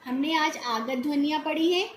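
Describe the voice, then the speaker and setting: High-pitched woman teacher, patient school lesson, echoey room, faint hiss. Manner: patient, explains slowly, calls pupils "beta".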